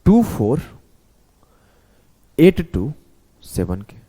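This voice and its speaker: A man's voice: mid-range voice, sing-song, very slow, warm tone. A male math teacher explaining a lesson step by step, talking students through sums and spelling words out letter by letter.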